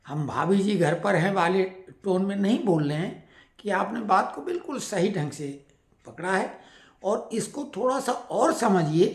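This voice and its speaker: A woman hosts an informal news commentary, explaining at length and speaking directly to her viewers. Her voice sits at a middle pitch. The room around her gives a noticeable echo. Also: a bit bright. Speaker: channel host speaking to pensioners. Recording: echoey room.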